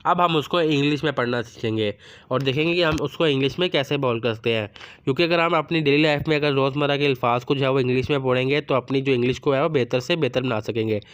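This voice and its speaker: A man teaching everyday English phrases, explaining in Urdu and repeating each English sentence slowly. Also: medium pitch, clean tone. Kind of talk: language lesson explained in Urdu.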